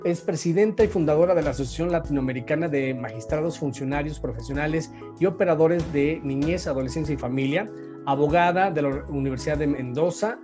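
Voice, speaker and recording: An interview host introducing a guest at length and asking questions, pausing and restarting often. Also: mid-range voice, over music. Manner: warm praise, many hesitations and restarts.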